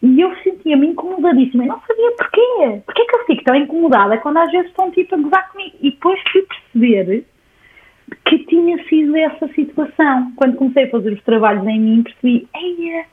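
A woman with a European Portuguese accent, telling a personal story on a podcast in an expressive way and often repeating words as she searches for them. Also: high voice, fast talker. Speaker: podcast guest. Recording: tinny phone-like line.

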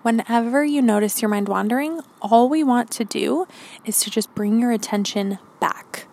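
Calm woman guiding grounding meditation, slightly creaky. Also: fairly high pitch, normal speed. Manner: calm, encouraging, gently instructing. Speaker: podcast host and meditation guide.

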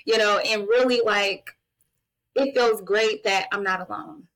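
Unhurried and mid-range, with a fairly bright tone, this woman's voice comes through a rough recording. She's in her late thirties, a guardian and mental health advocate guesting on a podcast, and she gives the audience frank, emphatic advice rooted in personal testimony during a conversational interview.

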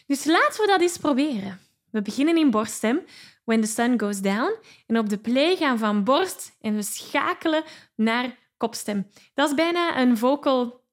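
A woman singing teacher giving an encouraging vocal lesson, explaining technique and singing short examples. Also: on the high side. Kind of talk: vocal lesson with sung demonstrations.

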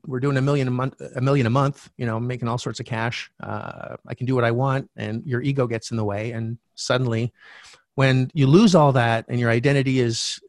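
A middle-aged man, a podcast guest and real estate coach, telling a candid personal story in a frank, animated way, swearing casually. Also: mid-range voice, no echo, studio quality.

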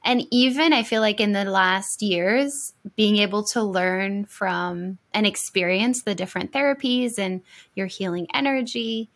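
A woman's voice: mid-range voice, unhurried, fairly bright tone. A woman hosting a podcast, enthusiastic and bubbly as she welcomes and questions her guest. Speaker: podcast host. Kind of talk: casual interview chat.

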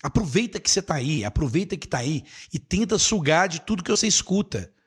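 Middle-aged Brazilian male English teacher, higher voice, emphatic and encouraging. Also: very animated, fairly quick, fairly bright tone, slightly rough. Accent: Brazilian Portuguese. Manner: encouraging, emphatic, repeats key phrases, switches into English. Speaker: English teacher hosting a live class. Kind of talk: live online class, answering viewers.

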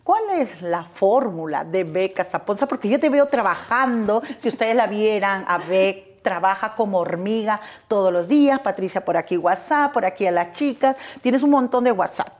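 A woman's voice: mid-range voice, moderate pace, few pauses, darkish tone. A woman co-hosting a television talk show, asking questions in an affirming way. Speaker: co-host.

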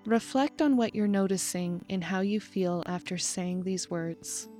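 A woman hosting a podcast, leading a guided meditation in a calm, slow and measured voice with soft pauses. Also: mid-range voice, soft background music. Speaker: podcast host.

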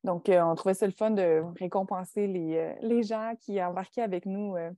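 A woman's voice: mid-range voice, steady tone, moderate pace, mellow, no room sound, studio quality. A woman with a Quebec French accent hosting a casual podcast chat, colloquial and dropping in English words. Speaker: podcast host.

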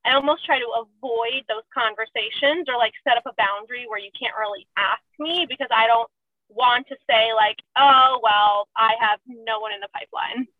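A surgical resident in her thirties chats candidly and self-mockingly, laughing often, over a tinny phone line. Her voice is on the high side and moves at a normal speed, in a dry recording.

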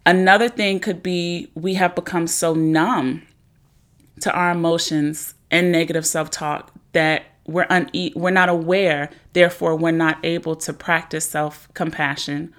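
A woman's voice: fairly low pitch, fairly even intonation, unhurried, a bit bright. A young adult woman hosting a podcast, talking in a casual, earnest way about self-help and sometimes acting out her own anxious inner voice. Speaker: podcast host.

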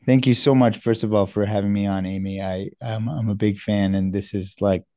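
A middle-aged New Yorker, a surgeon appearing as a guest in a casual interview, speaks earnestly and with a touch of self-deprecation. His low, warm voice has fairly even intonation and a normal pace. The recording is close and dry, with little room sound and no echo.

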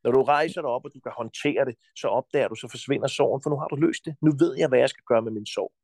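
Blunt, gravelly-voiced Danish man. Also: medium pitch, a little mellow, no echo. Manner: blunt, insistent, swears freely. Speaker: podcast guest. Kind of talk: forceful conversational advice.

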